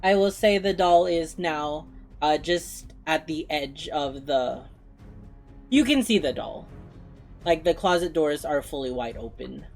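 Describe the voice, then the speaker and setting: A woman's voice: deep voice, animated, unhurried, darkish tone, faint music behind. A woman casually running a tabletop game as game master, explaining things in an accommodating way.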